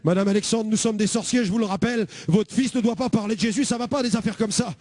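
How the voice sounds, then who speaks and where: A man's voice: sits high, fast, darkish tone. A man putting on a spiteful sorceress. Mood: scornful. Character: hostile female sorceress, spiteful.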